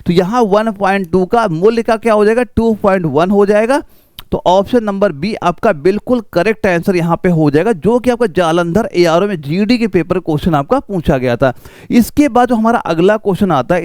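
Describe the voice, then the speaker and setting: A man's voice: sits high, a little mellow, clear, resonant tone, no room sound. A man teaching an exam-prep math lesson, walking students through each step with repeated rhetorical questions.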